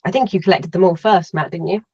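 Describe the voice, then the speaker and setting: Woman, very deep voice, halting filler-heavy chat, muffled video-call audio. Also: a little mellow, breathy edge, no room sound. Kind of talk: casual meeting chat.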